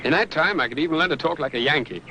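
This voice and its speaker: A young actor playing a breezy, teasing gentleman son who loves horses. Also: fairly high pitch, animated, rapid-fire, slight background noise, poor audio.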